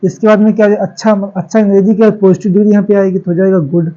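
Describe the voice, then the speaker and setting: Teaching English grammar in class, a man poses questions and supplies his own answers, hammering the key words through repetition. He talks very fast in a high, mellow voice with fairly even intonation, captured on a dull lo-fi recording.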